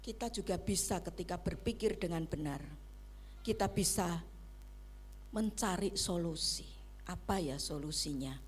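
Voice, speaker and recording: A woman pastor preaching a sermon in church, switching between loud emphasis and near-whispered asides. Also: lowish voice, a little slow, pauses often, slight background noise.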